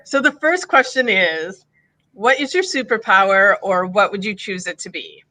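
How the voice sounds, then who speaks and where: A woman's voice: mid-range voice, animated, moderate pace, sharp tone, no room sound, rough recording. A woman hosting a live podcast, enthusiastic and chatty, with lots of "like" fillers. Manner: enthusiastic, filler-heavy, says "like" often. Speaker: podcast host.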